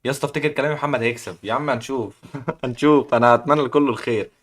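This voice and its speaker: A young man with an Egyptian accent hosting a live chess puzzle contest, excitedly cheering the players on. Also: medium pitch, very fast. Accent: Egyptian Arabic. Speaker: chess stream host.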